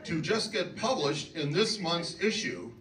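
A man's voice: a little high, big pitch swings, a little slow. A man in his seventies talking casually to an audience from an open mic stage, chatty and self-deprecating with a handheld mic. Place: auditorium stage. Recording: echoey hall, from far off, noisy.

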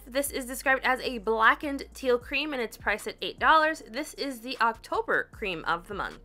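Bright, upbeat young woman reviewing polish. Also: on the high side. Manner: upbeat, chatty, detailed; giggles at her own slips. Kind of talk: scripted product review voice-over.

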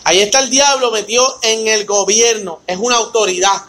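A man's voice: high voice, steady tone, fairly quick, fairly bright tone, slight background noise, low-quality recording. A man leading a Bible study. He reads scripture aloud, then explains it with rhetorical questions and talks to his listeners by name. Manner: addresses listeners by name in a conversational way.

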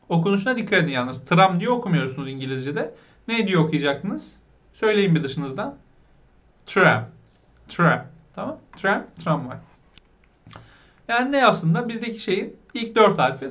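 A man teaching basic English vocabulary, explaining patiently, asking learners questions and pronouncing words slowly. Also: high voice, sing-song, fairly bright tone, muffled recording. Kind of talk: vocabulary lesson.

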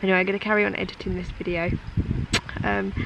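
A woman's voice: mid-range voice, quick pace, creaky. A British woman chatting to camera at home in a casual, reflective vlog. She is a mother, and she fills her speech with "like". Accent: British English. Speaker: family vlogger and mother. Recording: dull lo-fi home video with steady background noise.

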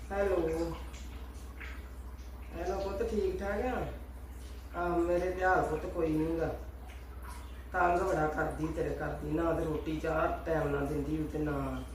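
A woman's voice: on the low side, slight background noise, close to an everyday voice. A woman playing a quarrelsome, grumbling mother-in-law in a family skit, recorded far from the mic in an echoey space. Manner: scolding, complaining. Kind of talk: amateur family sketch acting. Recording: echoey, distant phone mic.

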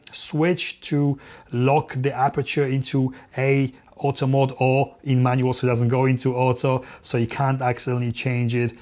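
A man's voice: mid-range voice, darkish tone. A man presenting a camera lens review to camera, upbeat, with informal asides and a few fillers.

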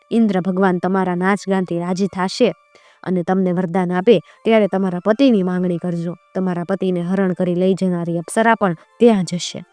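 A woman voicing a wise, gentle talking swan couple that advises a grieving queen in a folk tale. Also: fairly low pitch, dry recording, close to an everyday voice.

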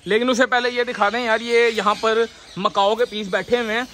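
High-pitched excited man vlogging. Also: fairly quick. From Pakistan. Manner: excited, chatty, addresses viewers directly. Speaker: vlogger host. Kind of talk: casual walkthrough vlog. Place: large outdoor bird aviary. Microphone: phone camera held at arm's length. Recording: noisy outdoor phone recording. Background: birds squawking.

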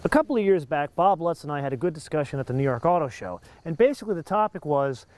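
Lively man reviewing a car. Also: on the high side, fast, no echo. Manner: lively, emphatic, talks with his hands. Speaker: car show host. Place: driving a car and standing outdoors by a marina. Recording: road and outdoor noise behind.

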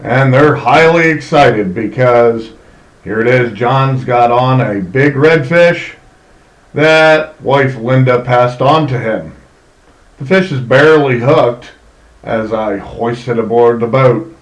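Slow easygoing man narrating in an echoey room. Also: medium pitch. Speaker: fishing charter captain. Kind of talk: voice-over narration.

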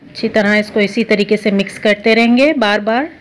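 A woman hosting a home cooking video, explaining each step of a recipe in a steady, instructive way. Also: mid-range voice, a little fast. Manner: steady, instructive, repeats steps. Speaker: cooking show host. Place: home kitchen.

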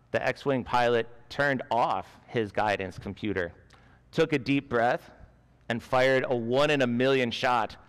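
A man's voice: mid-range voice, a bit bright, clean tone. A man in his forties preaching a chapel sermon at a school, telling stories earnestly while gesturing with both hands. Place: school chapel stage with a lectern. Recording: long reverb of a large chapel.

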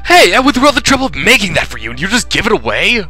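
A man voicing an eager, easily flustered young student adventurer from a video game, in an expressive, dramatic and casual way. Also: mid-range voice, normal speed, soft background music, exaggerated voice. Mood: exasperated. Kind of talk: acted video game dialogue reading.

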